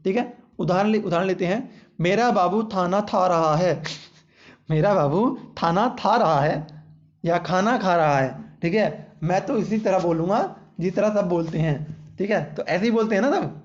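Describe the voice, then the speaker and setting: Up guy teaching grammar, fairly high voice, keeps saying theek hai, bit muffled lo-fi audio. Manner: repeats "ठीक है" and quizzes the listener with "हमारा क्या है"; jokey, uses playful baby-talk examples. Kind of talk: exam-prep grammar lesson. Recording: dull lo-fi audio.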